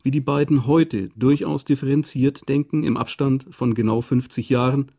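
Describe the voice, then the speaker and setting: A man giving scripted documentary narration in a measured, even delivery. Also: mid-range voice, gravelly, slightly rough. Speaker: radio narrator.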